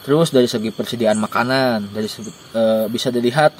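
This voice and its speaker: A young man giving joking, animated camping tips outdoors in a dark forest at night, recorded by a camera a few steps away. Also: mid-range voice, fairly quick, slight background noise. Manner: joking, animated, gestures while talking. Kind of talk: casual outdoor interview. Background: faint insects and crickets.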